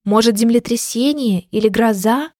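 A woman's voice: fairly high pitch, normal speed, dark tone, dry recording, studio quality, close to an everyday voice. A woman voicing an anxious little male hedgehog who whispers his worries.

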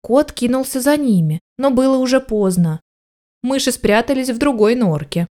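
A woman reading a children's story aloud as storyteller, gentle and expressive. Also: a little high, moderate pace.

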